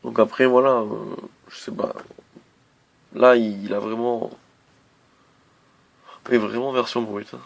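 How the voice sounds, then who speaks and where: A man's voice: medium pitch, flat delivery, unhurried, gravelly, pauses often. A man casually reviewing a laptop on camera, hesitant, with many fillers and restarts. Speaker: tech reviewer.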